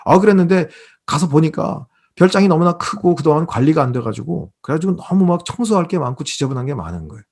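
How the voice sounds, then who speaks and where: Gravelly male pastor telling stories. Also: fairly high pitch, quick pace, few pauses. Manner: animated storytelling, acts out characters. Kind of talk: online Bible lecture, sermon. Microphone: video call.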